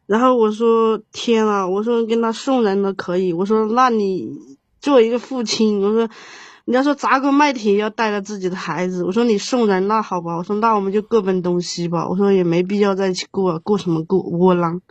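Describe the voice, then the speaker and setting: A woman in her thirties, halting and rambling, with many restarts. The sound is dull and lo-fi, and the recording is dry. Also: medium pitch, fairly even intonation, dry recording. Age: 30s. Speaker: caller. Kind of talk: emotional advice call.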